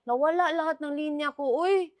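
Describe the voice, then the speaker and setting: A woman's voice: high voice, moderate pace, no echo. A woman, a guest actress animatedly telling a set story in a casual interview, laughing and mixing in English.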